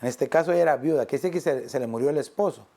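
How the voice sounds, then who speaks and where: A male pastor delivers a sermon earnestly and pastorally, calling his listeners brother. He draws his phrases out slowly and lets his voice fall soft and low.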